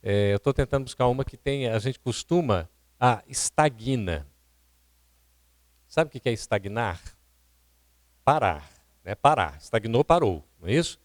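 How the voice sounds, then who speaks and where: A man's voice: medium pitch, lively intonation, unhurried, pauses often, dry recording. A Brazilian man teaching a seminar on public speaking, explaining points and asking the audience questions. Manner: didactic, asks the audience questions. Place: seminar hall at a spiritist centre.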